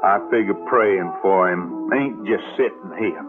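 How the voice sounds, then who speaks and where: A man's voice: fairly low pitch, measured pace, over music, lightly acted. Actor as God-fearing, dour mountain father, rural American accent, 1960s radio play, thin narrow-band audio. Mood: defensive, resigned. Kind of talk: 1960s radio drama acting.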